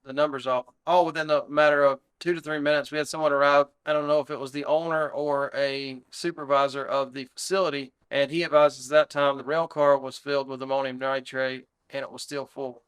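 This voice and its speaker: A man's voice: mid-range voice, flat delivery, a little fast, hardly any pauses, fairly bright tone, clean tone. An American man, a fire battalion chief, recounting an incident in a plain-spoken, conversational interview style. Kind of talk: interview recollection.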